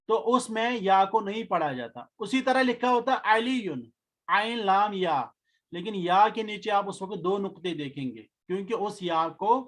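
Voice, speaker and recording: A man teaching a grammar lesson in a patient way, saying key terms slowly and more than once. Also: high-pitched, a bit bright. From India. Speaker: Arabic teacher.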